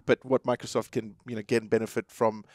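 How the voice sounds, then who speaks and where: Fast-talking man co-hosting a podcast. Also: mid-range voice, little pitch movement, no room sound, studio quality. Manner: quick, affirming, many restarts. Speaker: podcast co-host. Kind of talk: casual interview chat. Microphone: headset mic.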